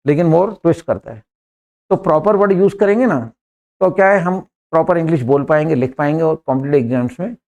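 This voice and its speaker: A man's voice: a little high, darkish tone. A man teaching an English grammar lesson in a classroom, repeating words and often checking that his students understand.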